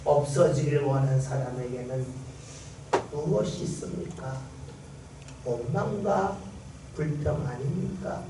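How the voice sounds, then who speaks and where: A man's voice: a little high, unhurried, pauses often, background noise. A man preaching a Sunday sermon as pastor, emphatic and full of rhetorical questions, in a large church sanctuary. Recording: very echoey hall, mic far off.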